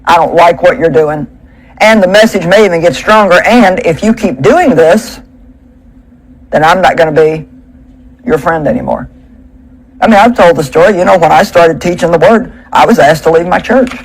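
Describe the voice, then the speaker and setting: A woman's voice: lowish voice, moderate pace, poor audio. A woman preacher delivering a sermon at a pulpit microphone, speaking in a conversational, emphatic way and asking rhetorical questions.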